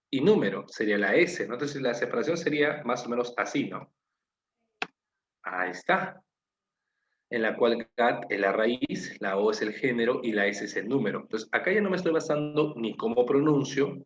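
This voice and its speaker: A man's voice: medium pitch, roomy sound, dull audio. A man with a Peruvian Spanish accent teaching an online class, patiently explaining and asking his students questions. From Peru.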